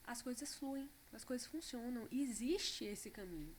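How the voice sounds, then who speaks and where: A woman talking in a relaxed conversation, reflective, with frequent fillers. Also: fairly high pitch, measured pace, a little hiss or hum. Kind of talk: casual conversation.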